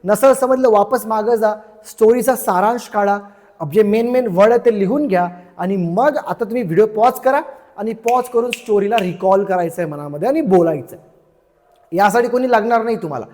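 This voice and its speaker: A man teaching English through a story, explaining each word slowly and repeating its meaning, chatty and checking in with his listeners. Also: sits high, a little mellow, big-room sound. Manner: chatty, checks in with "ठीक आहे".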